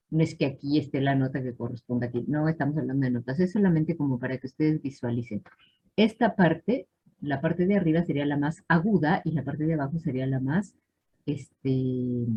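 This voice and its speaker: A woman teaches a live online class, patiently checking in with her students. Her voice sits low and sounds somewhat husky. The audio is dull and lo-fi, like a computer mic on a video call. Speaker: language teacher.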